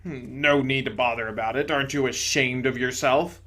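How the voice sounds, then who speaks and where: A man performs a large male ghost in a storybook reading, making him loud, self-righteous and full of bluster, with coarse, ungrammatical working-class speech. The medium-pitched voice is natural, fairly even in intonation and at a normal speed, with an accusing tone.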